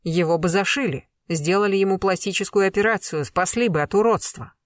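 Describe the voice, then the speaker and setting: A stern former colonel pressing a suspect, voiced by an audiobook reader. Measured, cold and relentless, with a commanding edge. Dry, close sound. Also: medium pitch, no room sound, lightly acted. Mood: accusing. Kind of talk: audiobook character reading.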